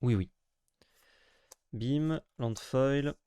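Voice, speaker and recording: A man streaming a card pack opening in casual commentary, sarcastic and self-mocking with crude jokes, now and then breaking into sudden excited yelps. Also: medium pitch, very slow, clean tone, dry recording, clean studio sound.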